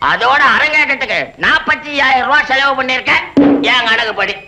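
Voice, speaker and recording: A man's voice: very high-pitched, brisk, loud music behind the voice. An actor playing a boastful middle-aged father who brags and rambles. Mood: bragging. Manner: bragging, rambling. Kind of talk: 1970s film comedy acting.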